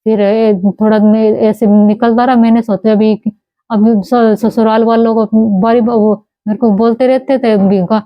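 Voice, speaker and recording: A young woman telling her own story in a halting way, often breaking off and restarting her words. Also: a little high, flat delivery, dry recording, lo-fi sound. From Haryana. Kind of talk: personal testimony.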